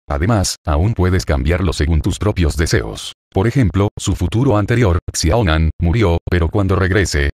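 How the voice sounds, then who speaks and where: A man narrating a web novel aloud in an even, unhurried way. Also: deep voice, no room sound, studio quality.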